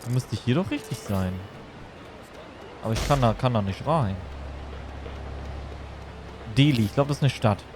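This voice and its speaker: A man doing casual livestream game commentary, rambling and thinking out loud. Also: medium pitch, moderate pace, pauses often. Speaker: game streamer. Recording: clear background noise.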